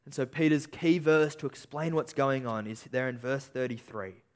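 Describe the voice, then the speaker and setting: A man preaching a sermon with an emphatic delivery, slowing on key phrases and swinging between loud peaks and quiet endings. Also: mid-range voice. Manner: emphatic, rising and falling delivery with slow stressed phrases.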